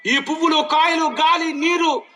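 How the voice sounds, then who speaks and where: High bright-voiced male preacher. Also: steady tone, a little slow, low-quality recording. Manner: questioning the congregation, swinging between loud calls and low asides. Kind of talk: sermon.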